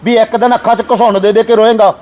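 A man's voice: high voice, flat delivery, quick pace, darkish tone, lightly acted. An actor playing a grieving village father who speaks reproachfully. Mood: bitter. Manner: reproachful, emphatic.

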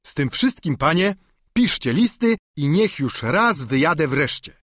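Heard in a lively, dry storybook reading, a simple peasant squire rattles on eagerly in a raised, bouncy voice, as a man puts him on. He is folksy and chatty, all plain talk. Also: fairly high pitch, a little slow, no echo, pitched above the performer's own voice, exaggerated voice. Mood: pleading. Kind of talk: audiobook character reading.

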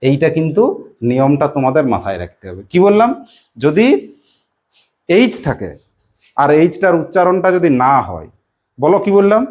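A woman's voice: low-pitched, sing-song, moderate pace, long pauses, a little mellow. A woman with a West Bengal Bengali accent teaching a primary school English lesson in a classroom, patiently repeating questions and prompting the pupils to answer. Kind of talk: classroom lesson with call-and-response drilling.

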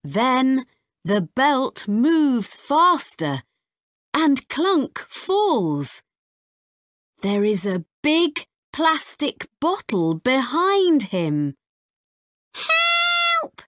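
Woman teacher, storybook read-aloud, very slow and lively, dry close mic. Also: high-pitched, no room sound. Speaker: English teacher. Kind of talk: reading a children's story aloud.

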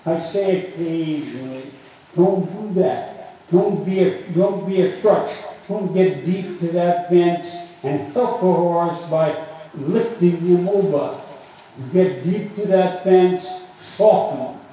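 A man coaching a show jumping clinic slowly and emphatically repeats short commands, giving instructions and critique. His voice is somewhat mellow and fairly high for a man, reaching a camera placed at a distance on the side of a very echoey covered arena, with a little hiss or hum.

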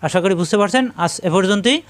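Bangladeshi Bengali-accented man, high voice, patient teacher repeating syllables slowly for a Quran reading lesson. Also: smooth. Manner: slow, repetitive syllable drilling. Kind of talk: step-by-step spelling lesson.

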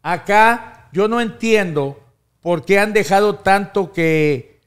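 A man from the United States hosting a casual studio talk show, rambling and animated, speaking into a boom mic. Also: slow, smooth. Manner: rambling, animated, gestures with hands. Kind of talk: casual chat. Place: small studio with brick wall and blue lights. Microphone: studio mic on boom, headphones.

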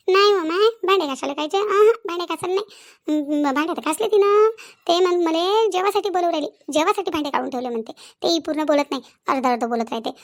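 A proud, sharp-tongued older village woman, as a woman puts her on for a cartoon. She speaks in a high, quick patter. She scolds and boasts without pausing. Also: vocal fry. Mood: grumbling. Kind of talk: cartoon voice acting.

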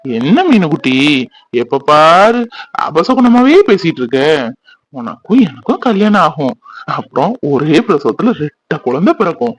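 A man's voice: on the high side, sing-song, measured pace, breathy edge, no echo, exaggerated voice, poor audio. A man playing a teasing lovestruck village youth. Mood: affectionate. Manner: teasing, boastful and affectionate. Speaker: actor in a family fan drama. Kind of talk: village romance drama acting.

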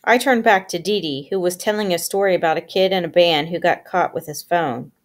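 A woman reading a novel aloud with steady storytelling, giving the characters their own voices. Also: fairly low pitch, brisk. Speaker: audiobook reader.

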